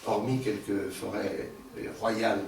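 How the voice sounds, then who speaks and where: A man moderating a round table, summing up a speaker's points in a halting way with many fillers and repeated words. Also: on the low side, little pitch movement. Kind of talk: summarizing a panel discussion. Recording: roomy hall, distant mic, some noise.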